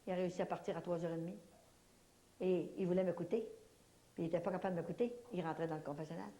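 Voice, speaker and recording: A woman's voice: on the low side, rapid-fire. Québécois woman telling a folksy testimony. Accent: Québécois French. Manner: animated, folksy storytelling with many "là" fillers. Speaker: lay speaker giving a religious testimony. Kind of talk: spoken religious testimony to an audience.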